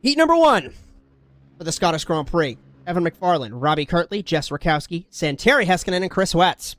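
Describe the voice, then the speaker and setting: Excitable high-voiced race commentator man. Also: fairly quick, no echo. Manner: excitable, shouts at big moments. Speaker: play-by-play commentator.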